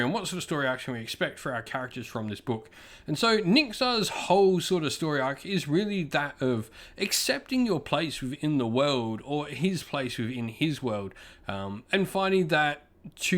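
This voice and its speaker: A channel host gives an informal spoken review, his voice a little high with a fairly bright tone. He is enthusiastic, stressing words and often looping back to repeat himself.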